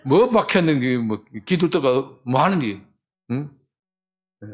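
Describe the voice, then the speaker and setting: A pastor in his sixties with a Gyeongsang Korean accent, giving a folksy retreat sermon and keeping his listeners engaged with quick prompting questions. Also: mid-range voice, animated. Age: 60s. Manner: acts out everyday dialogue in a folksy way.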